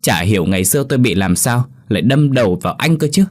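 A man voicing a spiteful young village wife, shouting shrill abuse at her family. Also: expressive, fast talker. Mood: scolding.

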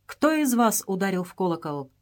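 A devout priestess of a temple, humble and reverent before her queen, as a woman narrating a storybook puts her on. She speaks with hushed devotion. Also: medium pitch, very animated, normal speed, natural voice.

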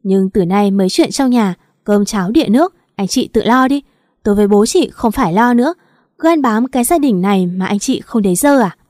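A nagging, sharp-tongued old mother-in-law, as a woman puts her on in a storybook reading, scolding loudly. Her voice is mellow and dry, close to the mic. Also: medium pitch, normal speed, no room sound, lightly acted. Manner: scolding, sarcastic, loud.

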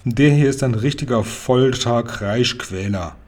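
Storybook giant done by a male reader: old, kindly, excitable, garbled speech, mellow tone. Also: mid-range voice, measured pace, lightly acted. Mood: excited. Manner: excited, garbled word choices.

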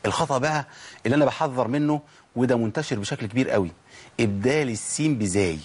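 A man with an Egyptian accent teaching Quran recitation, drilling sounds slowly and asking and answering his own questions. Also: mid-range voice, darkish tone, slight background noise. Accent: Egyptian Arabic. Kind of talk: recorded tajweed lesson.

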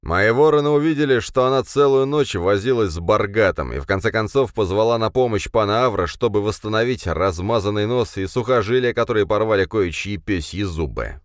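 A venomous, hissing young man, as a male narrator puts him on, pitched well above the reader's deep voice. He snaps heatedly and sarcastically, in a dry, close audiobook recording. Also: no echo, close to an everyday voice. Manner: heated, sarcastic, quick to snap.

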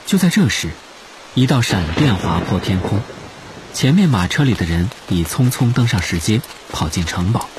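A man reads a story as an audiobook narrator. His voice is low and lively, telling it expressively over a faint background noise. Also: moderate pace.

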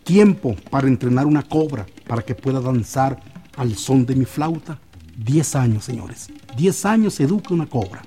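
A man's voice: mid-range voice, mellow, natural voice. A man voicing a crafty, theatrical snake charmer who pleads with a crowd like a street barker.

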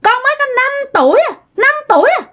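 A woman voicing the ghost of a five-year-old boy, high and childish. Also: sing-song, quick pace, a bit bright, heavily acted. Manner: high childish singsong, whiny.

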